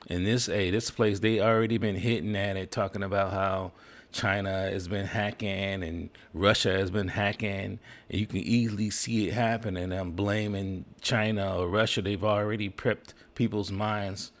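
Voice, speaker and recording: Male commentator-preacher, creaky low register, insistent repetition, off-the-cuff delivery. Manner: emphatic, repeats phrases. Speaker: host, religious commentator.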